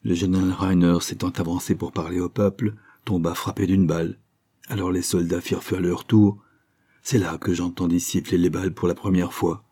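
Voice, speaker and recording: A man narrating a novel in a steady, measured reading voice. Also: low-pitched. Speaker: audiobook narrator.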